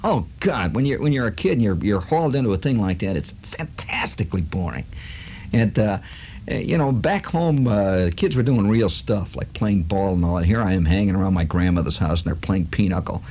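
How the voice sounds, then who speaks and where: A man's voice: lowish voice, animated, fairly quick, mellow, slight background noise. A man from Chicago hosting a radio show, telling a rambling, wry story full of asides. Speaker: radio host. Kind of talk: storytelling monologue.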